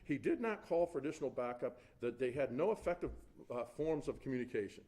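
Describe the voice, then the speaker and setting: Emphatic male defense attorney, lively pitch. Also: fast talker. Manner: emphatic, addresses the jury repeatedly, frequent restarts. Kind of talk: courtroom closing argument to a jury. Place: courtroom.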